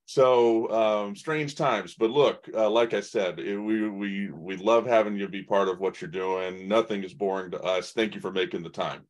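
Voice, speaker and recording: Deep-voiced man hosting a video call. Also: fairly even intonation, normal speed, hardly any pauses. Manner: chatty, many fillers and restarts. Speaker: host. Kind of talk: online conference interview. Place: indoors in front of a branded backdrop. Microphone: webcam video call.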